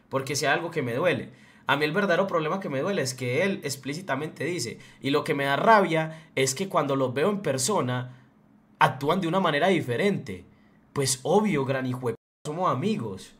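Young colombian streamer guy, paisa accent, ranting all heated and cussing, kinda high voice. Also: lively intonation, a little fast, a bit bright. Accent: Colombian Spanish, Antioquia. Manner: blunt, profane, fired-up. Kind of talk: heated livestream rant.

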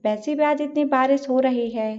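A man's voice: very high-pitched, steady tone, normal speed. A woman voicing a nervous middle-aged male shopkeeper who grumbles and makes excuses. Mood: grumbling. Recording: dull lo-fi recording.

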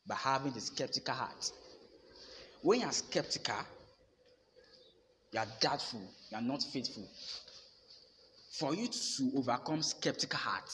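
Young man preaching slowly into a phone. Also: medium pitch, fairly bright tone. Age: young adult. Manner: emphatic, repetitive declarations, slow deliberate delivery. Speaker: pastor. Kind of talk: preaching sermon to camera. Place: bare indoor room with plain walls. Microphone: phone held at arm's length. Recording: phone recording with long reverb and faint room noise.

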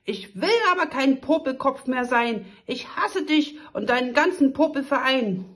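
A woman reading a children's story aloud, voicing a spoiled, stubborn young princess with shrill, whiny outbursts. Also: sing-song, a little slow. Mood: defiant.

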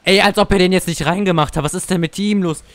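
A man's voice: high-pitched, fast, fairly bright tone, no echo, faint music behind. A young man giving casual gameplay commentary, cursing and ranting at his teammates. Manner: salty, swears and rants at teammates. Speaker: gamer.

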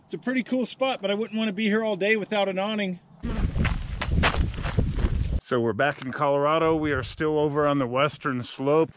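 A middle-aged Californian travel vlogger with an American accent talks casually to camera and to his puppy, outdoors in woods and desert and sometimes inside a vehicle. He holds an action camera at arm's length. His voice is on the high side at normal speed, with long pauses and background noise.

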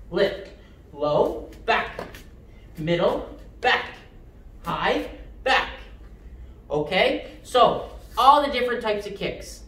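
Young male karate instructor, sharp commands, roomy sound. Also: very high voice. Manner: sharp, clipped martial arts commands. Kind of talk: instructional class for children. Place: mid-sized indoor karate studio with matted floor. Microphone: distant camera. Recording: roomy, distant microphone, background noise.

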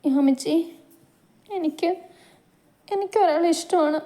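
A shy, tearful young student who stumbles over her words, her voice pitched high and soft, as a woman narrator puts her on. The tone stays mellow and gentle throughout. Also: natural voice. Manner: halting, stammering.

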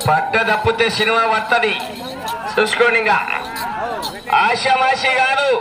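A man calls an outdoor bull race live. He whoops, cheers and booms out the results in excited bursts. The roar of a big crowd fills the background. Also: a little slow. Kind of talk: live event commentary. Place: outdoor bull racing ground. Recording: crowd noise at outdoor event. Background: loud crowd.

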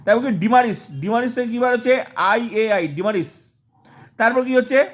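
A man teaching an exam-prep lesson in a high voice, drilling terms by repetition. He fires off questions and answers them himself at a fast clip, repeating each term again and again. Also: fairly bright tone.

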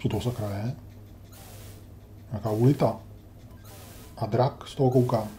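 In a casual let's-play of a retro game, a man grumbles wryly to himself while he plays. His dark voice is medium-pitched with fairly even intonation, and faint music sits in the background.

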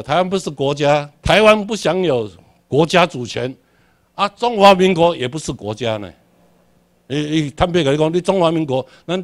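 A man with a Taiwanese Hokkien accent, from Taiwan, giving a classroom lecture in a repetitive, emphatic way and drilling his class on English words. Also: mid-range voice.

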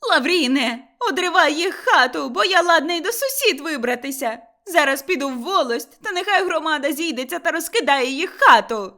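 A woman voicing a fierce, hot-tempered older village mother-in-law who shouts threats. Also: high voice, expressive, normal speed, hardly any pauses, pitched above the performer's own voice, heavily acted. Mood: enraged shouting.

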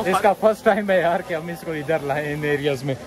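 A young man from Pakistan filming a casual travel vlog on a phone held at arm's length, chatting excitably outdoors on a trail and by a waterfall. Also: fairly high pitch, moderate pace. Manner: chatty, excitable, often laughing. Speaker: vlogger.

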